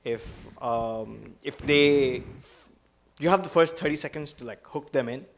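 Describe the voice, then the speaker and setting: A young man, a student entrepreneur, pitching his startup eagerly with many fillers like "like" and "uh". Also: gravelly, a little hiss or hum. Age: young adult. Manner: quick, filler-heavy, eager explaining.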